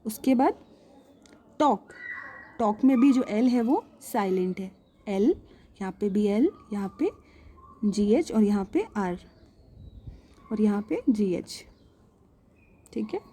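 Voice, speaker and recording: A woman with an Indian English accent teaching a children's English lesson, patiently asking and answering her own questions and repeating words slowly. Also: medium pitch, expressive, dark tone, a little hiss or hum. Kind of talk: explaining a primary English lesson.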